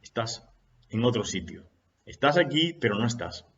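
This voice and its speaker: A man voicing an older male spiritual master who answers a disciple calmly and matter-of-factly. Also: medium pitch, moderate pace, highs cut off, a little hiss or hum. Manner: calm, matter-of-fact answers.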